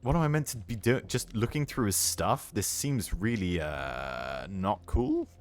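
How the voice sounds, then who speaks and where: A man's voice: lowish voice, animated, measured pace, faint music behind. A British man streaming a war video game live, joking and chatting with his viewers as he plays. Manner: joking, chatty, reads chat aloud.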